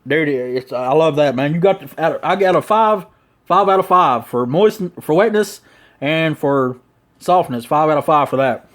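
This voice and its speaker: With a drawl straight from the American South, a man chats his way through a casual product review, voice a little high and lip loaded with dip. He's expressive at a moderate pace, wandering in a folksy, slangy style.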